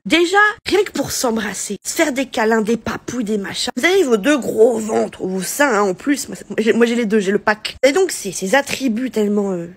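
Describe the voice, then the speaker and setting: A woman tells a storytime monologue with dramatic emphasis. Her voice sits a little high and sounds husky and breathy. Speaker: social media storyteller.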